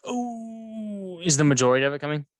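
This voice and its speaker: A man's voice: high-pitched, animated, normal speed, no echo. Playful man co-teaching a math lesson. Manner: playful, jokey, asks guiding questions. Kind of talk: co-teaching a lesson, casual banter.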